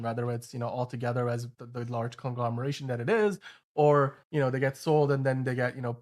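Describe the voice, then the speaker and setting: A male show host delivers casual news commentary in a middle-pitched voice. He talks loosely and conversationally, wandering into asides as he goes.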